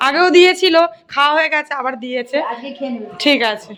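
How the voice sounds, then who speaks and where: A young woman, chatting to her viewers in a casual family vlog at home and calming a child as she films on her phone. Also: high-pitched, fairly quick. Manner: chatty, pointing things out to viewers, soothing a crying child. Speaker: family vlogger, mother.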